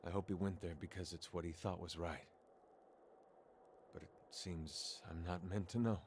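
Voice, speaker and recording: Brief: low-voiced, world-weary game soldier, quiet and plain. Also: male voice, fairly even intonation, moderate pace, slight background noise. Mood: somber. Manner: plain-spoken, quiet and reflective. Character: weary grown man, a soldier mourning his brother. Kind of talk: video game character dialogue. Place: game audio captured in a gameplay recording.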